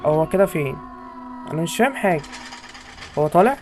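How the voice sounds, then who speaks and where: A young man with an Egyptian Arabic accent giving jokey, excitable horror game commentary to his viewers from a home setup. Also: fairly high pitch, fast talker, a little hiss or hum. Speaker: gaming YouTuber.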